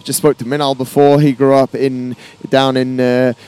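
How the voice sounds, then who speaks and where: A man's voice: medium pitch, little pitch movement, normal speed, a little mellow, clear, resonant tone. A man hosting a casual podcast interview, upbeat and chummy, calling his guests "mate". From Yorkshire, England. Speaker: podcast host.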